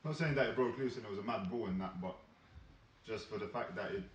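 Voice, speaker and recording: A man's voice: fairly low pitch, fast talker. A young man with a London roadman accent chatting casually and emphatically in heavy street slang, often repeating himself. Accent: London roadman, urban street slang. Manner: emphatic, repeats himself, tags phrases with "bro" and "innit". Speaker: podcast co-host. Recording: roomy, distant, dull with faint noise.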